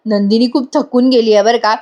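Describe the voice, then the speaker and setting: A woman narrates a voice-over review of a TV serial episode in a chatty, teasing way. She talks straight to her viewers. Her voice sits fairly high. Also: fairly even intonation, brisk, dark tone.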